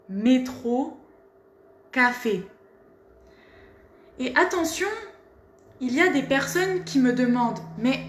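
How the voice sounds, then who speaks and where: A woman's voice: high voice, echoey room, slight background noise. A woman teaching pronunciation, carefully articulating and repeating each word. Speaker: French teacher. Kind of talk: pronunciation lesson.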